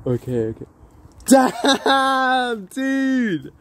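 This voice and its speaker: A young man playing an awestruck friend filming, exclaiming excitedly and slangily in a spoof clip. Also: extremely high pitch, very slow, a crowd in the background, exaggerated voice. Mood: amazed. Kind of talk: amateur phone-video reactions. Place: outdoor garden.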